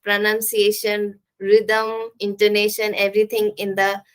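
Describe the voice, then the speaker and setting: A woman teaching an English pronunciation lesson, repeating example sentences with deliberate, exaggerated stress. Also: mid-range voice, completely flat delivery.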